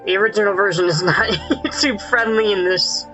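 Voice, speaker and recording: A streamer talking through a live gameplay session with a voice digitally pitched up like a chipmunk, rambling and correcting themselves with frequent laughs. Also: a little fast, sharp tone, highs cut off, faint music behind. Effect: pitched-up chipmunk-like voice filter.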